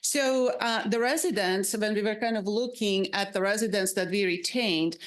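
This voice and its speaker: Woman with a Slovak accent, halting. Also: medium pitch. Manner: measured, with frequent hesitations and restarts. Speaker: psychiatrist and residency faculty member. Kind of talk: presentation to an advisory panel.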